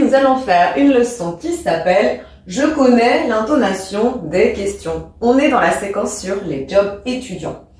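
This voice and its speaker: A woman's voice: a little high, a little mellow. A woman teacher explaining a lesson, speaking informally to the pupil and acting out rising and falling intonation. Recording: echoey room, distant from mic.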